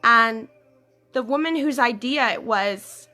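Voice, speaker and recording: Her voice on the high side, slow and sharp in tone, a woman life coach addresses her followers over a livestream. She's casual and earnest, repeats phrases, fills in gaps, and keeps checking in with "okay?". The mic is a phone or webcam.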